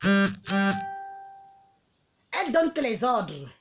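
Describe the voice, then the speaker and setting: A woman's voice: mid-range voice, big pitch swings, drawn-out words, over music. A woman, taunting and mocking her critics in a heated live-stream rant, often laughing. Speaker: livestreamer.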